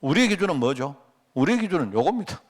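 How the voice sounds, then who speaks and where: Animated Korean pastor preaching. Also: male voice, fairly high pitch, quick pace. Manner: conversational preaching with rhetorical questions and anecdotes; acts out quoted dialogue. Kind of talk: sermon at a Friday prayer meeting.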